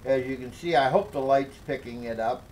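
An older man explaining a workshop project at his workbench, talking slowly with many fillers and restarts. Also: medium pitch, a little mellow, low-quality recording. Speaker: DIY workshop instructor. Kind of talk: hands-on workshop tutorial.

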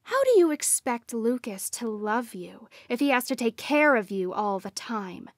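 A woman's voice: a little high, very animated, measured pace, no room sound, clean studio sound, heavily acted. A woman voicing a menacing, taunting female doppelganger, sneering and hissing some words in an audiobook.

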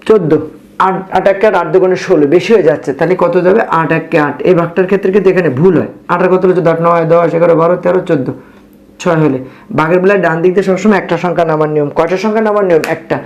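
A man teaching arithmetic to young children, speaking softly and patiently, counting steps aloud and quizzing his students, with a Bangladeshi Bengali accent. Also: high-pitched, steady tone, racing, highs cut off. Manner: speaking softly on purpose late at night. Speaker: math teacher. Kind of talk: math lesson for young children.

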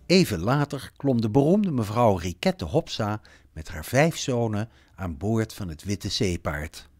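A man narrating a children's story in a slow, expressive storytelling way. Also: fairly low pitch.

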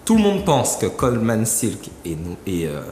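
A man's voice: fairly low pitch, huge pitch swings, moderate pace, warm tone. Male guest explaining a book, echoey room. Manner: thinking aloud, many fillers and restarts. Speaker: studio guest. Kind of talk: explaining a book on a talk show. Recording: roomy studio with long reverb and faint noise.

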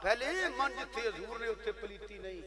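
A man with a Pakistani Punjabi accent preaches to a gathering in a very high, fiery voice, calling on the crowd to answer him. His voice rings through an echoey space over the noise of a large crowd. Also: fairly quick. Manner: fiery and emphatic, urging the crowd to respond. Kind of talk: Punjabi religious speech to a crowd. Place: outdoor religious gathering.

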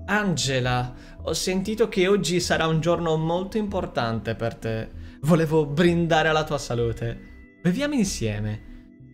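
A man's voice: sing-song, unhurried, soft background music. A man voicing a scheming, cruel young woman villain who mocks and menaces in an audiobook. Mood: mocking. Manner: mocking, menacing, shrill outbursts.

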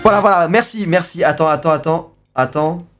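A young man streaming live and reacting to a video. He talks excitedly, with lots of slang and repeated exclamations. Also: fairly high pitch, brisk, music in the background.

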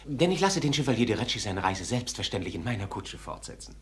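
An actor playing a sly, genial abbé diplomat in a German-dubbed period series, talking suavely and with amusement. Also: male voice, on the low side, big pitch swings, fast. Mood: wry. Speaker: abbé, papal envoy.

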